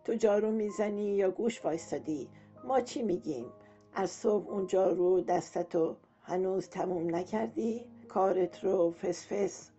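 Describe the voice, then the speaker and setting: A woman's voice: mid-range voice, close to an everyday voice. A woman voicing a pushy, scolding older aunt in a dull lo-fi audiobook with faint music. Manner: nagging, sharp-tongued.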